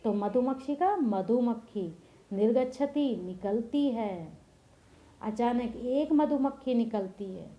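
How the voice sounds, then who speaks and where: A woman's voice: fairly high pitch, expressive, slow pace, lo-fi sound. A woman teacher explaining a text line by line, patiently asking questions and answering them herself in a classroom-lesson style. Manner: patient, asks and answers her own questions.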